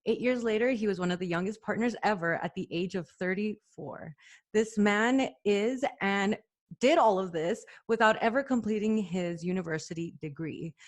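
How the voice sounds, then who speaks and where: A woman with a medium-pitched voice hosts a podcast at a normal speed. In this casual interview she introduces her guest and asks questions with upbeat enthusiasm.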